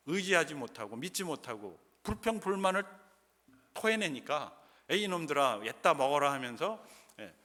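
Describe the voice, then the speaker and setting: A man's voice: a little high, bright, forceful tone. A man preaching a sermon as pastor, emphatic and often putting questions to the congregation. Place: church sanctuary. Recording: long church reverb.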